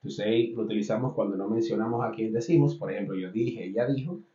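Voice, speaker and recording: A man's voice: fairly low pitch, fast, warm tone. A man teaching an English lesson in Spanish, working through a verb list and repeating each English word. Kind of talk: explanatory online lesson. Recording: roomy, dull lo-fi sound.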